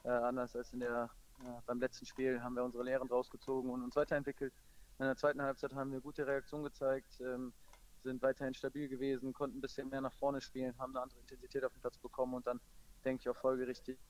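A football coach speaks in a post-match interview, talking fast with a very even pitch. He sounds measured and matter-of-fact, and his voice sits at a middle pitch. The audio quality is poor.

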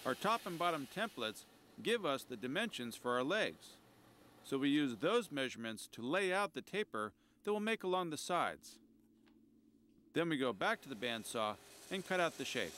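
A man giving scripted voice-over narration for a woodworking show, in a measured, instructive manner. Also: on the high side, very animated, bright, forceful tone, a little hiss or hum.

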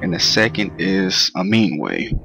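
A man's voice: low-pitched, sing-song, unhurried, gravelly. A man giving casual let's play commentary on a video game. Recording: game music behind commentary.

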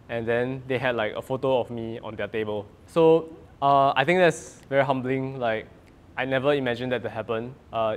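A young adult man with a Singaporean accent and light Singlish touches, talking casually as a singer-songwriter in an interview. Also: mid-range voice.

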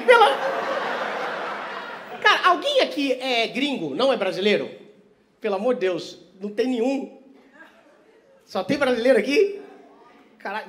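Stand-up comedian, crowd work, profane and teasing, lively swings from hushed asides to loud bursts. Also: male voice, high-pitched. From Vitória, Brazil. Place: comedy stage before a live audience.

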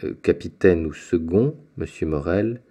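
A man voicing an earnest, respectful young sailor in an audiobook, speaking a little higher than his own narration. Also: expressive, measured pace, dark tone, heavily acted.

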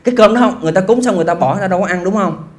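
A man, a monk giving a sermon in an animated, folksy storytelling way with frequent exclamations. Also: high-pitched, racing. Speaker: monk giving a Dharma talk.

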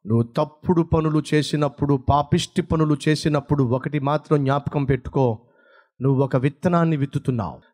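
A male preacher with a high-pitched voice delivers a sermon with strong theatrical swings. He lifts questions up and drops his verdicts down low and heavy, often acting out small dialogues. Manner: dramatic, acts out dialogue, big swings between high and low. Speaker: pastor.

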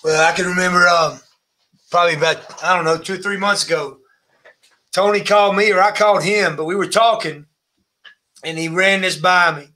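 A man's voice: high-pitched, fairly even intonation, moderate pace, long pauses, sharp tone. A man, a football coach, chatting over a video call, searching for his words with many fillers. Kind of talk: casual interview chat.

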